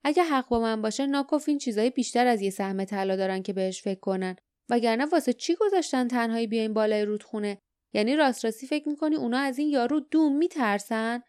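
A woman voicing a rough, quarrelsome male pirate who growls as he argues. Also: a little high, lively intonation, a little mellow, no room sound, clean studio sound, lightly acted. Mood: scornful.

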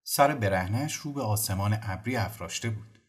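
A man calmly narrating a bedtime audiobook story. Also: fairly low pitch. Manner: calm, measured narration. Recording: faint music behind.

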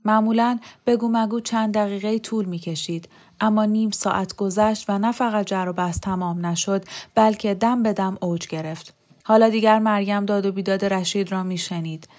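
A woman reads a novel aloud as an audiobook narrator. Her delivery is calm and measured, at an ordinary pitch for a woman, steady from sentence to sentence. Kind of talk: scripted narration.

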